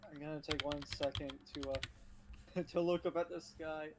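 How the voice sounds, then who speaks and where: A player speaking in a tabletop game, quiet and hesitant, sounding nervous. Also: mid-range voice, steady tone, unhurried, noisy background. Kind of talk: in-character tabletop role-play.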